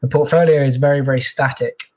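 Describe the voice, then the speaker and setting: A man's voice: mid-range voice, steady tone, fast talker, darkish tone. A man working as a tech recruiter, chatting casually in an interview with lots of fillers and restarts, heard over a video call.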